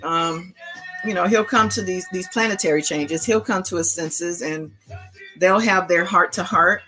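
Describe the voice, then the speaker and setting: Bright-voiced woman chatting casually to viewers. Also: lowish voice, unhurried, soft background music, poor audio. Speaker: host of an online spiritual channel.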